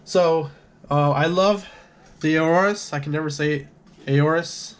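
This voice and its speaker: A man's voice: a little high, fairly even intonation, a little slow. A man giving a casual tour of his gaming room, rambling and correcting himself as he goes, coughing now and then and short of breath. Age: adult with a son. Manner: rambling, self-correcting, apologetic. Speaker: gaming channel creator.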